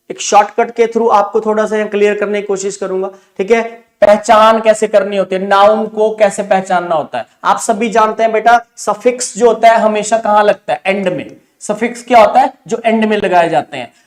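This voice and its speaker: A man with a very high-pitched voice teaches grammar in an online exam-prep class, speaking with an Indian English accent. He moves between Hindi and English, keeps asking students whether they follow, and slows to a careful, drawn-out pace for each English example sentence. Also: steady tone.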